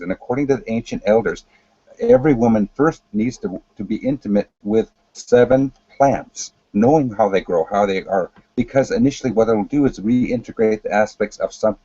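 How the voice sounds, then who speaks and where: A man giving an unscripted spiritual talk in a calm, earnest, deliberate way, repeating phrases as he goes. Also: fairly low pitch, breathy edge, no room sound, dull audio. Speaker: spiritual teacher.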